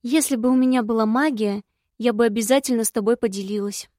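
Woman reading a feisty young heroine, high and pushy, dry close sound. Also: steady tone, fast talker, warm tone, no echo, lightly acted. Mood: pressing.

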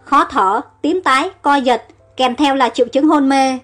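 A woman voicing an anxious, quick-witted young woman, speaking in worried, urgent bursts. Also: high voice, a bit bright, soft background music. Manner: worried, urgent inner monologue. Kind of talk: storybook character voice.

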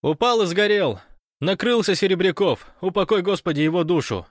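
High yelling phone caller, a male reader voicing him, dry close sound. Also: expressive, moderate pace, no echo. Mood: agitated. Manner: loud, shouting, cheerful. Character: excitable man on a phone line, shouting news.

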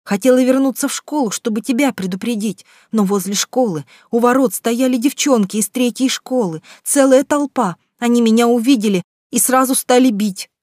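A woman's voice: on the high side, moderate pace, few pauses, a little mellow, dry recording, clean studio sound, voice pushed up, close to an everyday voice. A woman voicing a teenage daughter who pleads tearfully and defiantly in a storybook reading. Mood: explaining.

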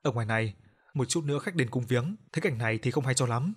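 A man voicing a composed middle-aged mother who speaks gently and practically to her daughter and to a grieving friend. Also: medium pitch, fast, breathy edge, close to an everyday voice. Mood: gentle comfort. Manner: soothing, steady.

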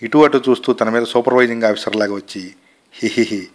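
A man reading a short story aloud in a measured, expressive storytelling manner. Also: mid-range voice.

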